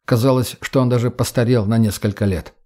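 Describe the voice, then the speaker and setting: A man narrating an audiobook in a steady, dramatic storytelling manner. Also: mid-range voice, brisk.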